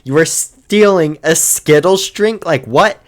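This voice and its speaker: A man's voice: fairly high pitch, slow pace. A man voicing an anxious teenage boy who pleads and scolds in an exasperated rush.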